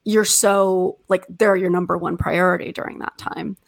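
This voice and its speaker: A woman's voice: fairly low pitch, steady tone, normal speed, vocal fry, no room sound. A woman podcast host in casual interview talk, chatty and full of fillers like "like". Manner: chatty, filler-heavy, uses "like" often.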